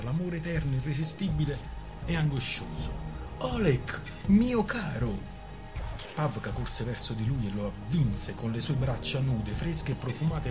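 Guy reading a novel on the radio, steady and dramatic, music underneath. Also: mid-range voice. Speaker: radio reader.

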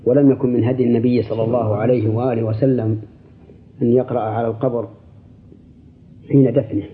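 An older male scholar answers listener questions at a steady, deliberate pace, now and then restarting a phrase. His voice sits in a middle register and comes through a thin, tinny radio signal. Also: mid-range voice, a little hiss or hum.

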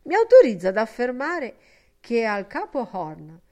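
A woman's voice: fairly high pitch, huge pitch swings, unhurried, mellow, voice pushed up. A woman reading the part of a boisterous male reveler who tells a boastful tale in a brash, exclamatory way.

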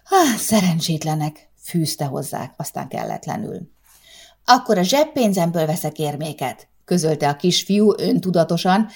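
Low-voiced woman reading a story. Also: vocal fry. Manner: calm, measured reading. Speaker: audiobook narrator. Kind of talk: scripted storybook narration.

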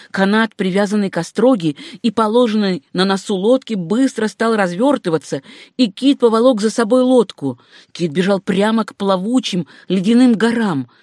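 A reader giving scripted narration of an adventure story with a steady storytelling delivery. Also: mid-range voice, normal speed, dry recording, clean studio sound. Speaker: audiobook reader.

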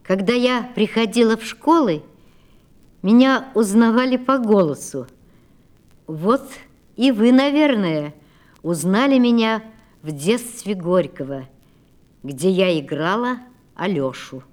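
Older lady introducing an old radio record, calm, nostalgic, measured, mid voice. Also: mid-range voice. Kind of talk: reflective spoken introduction.

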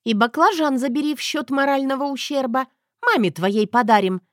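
A woman's voice: high-pitched, no room sound, clean studio sound, pitched above the performer's own voice, lightly acted. A woman voicing a sassy, defiant young wife who keeps snapping back, in an audiobook. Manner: sassy, quick to snap back.

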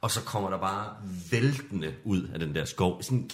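A man hosting a podcast as game master, narrating an improvised adventure in a hushed, suspenseful way. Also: deep voice, lively intonation.

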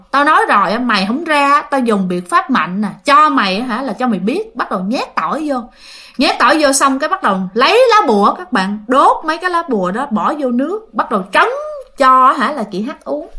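A woman tells a ghost story in a chatty, casual manner, often turning to speak to her listeners and using many fillers. Her voice is a little high, bright, and forceful.

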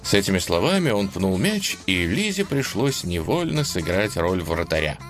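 A man reading a children's storybook aloud in an expressive, lively way, with faint music underneath. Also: low-pitched, normal speed. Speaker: narrator.

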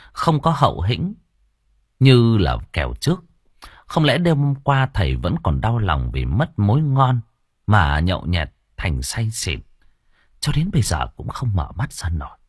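A man narrating an audiobook story in a lively, expressive reading. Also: fairly low pitch, breathy edge, no room sound, studio quality.

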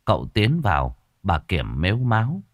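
Male ghost-story narrator, deep lively voice, dry close sound. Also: moderate pace, dry recording.

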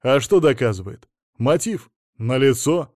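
A man's voice: mid-range voice, animated, unhurried, a little mellow, no echo, clean studio sound, natural voice. A man voicing a stern middle-aged male police chief who lectures and scolds his subordinate in an audiobook. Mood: sarcastic.

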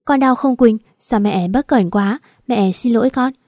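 A woman's voice: on the high side, unhurried, darkish tone, no room sound, studio quality. A woman reading a chatty motherly older woman. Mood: apologetic. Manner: chatty, fussing, laughing easily. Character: warm talkative middle-aged future mother-in-law.

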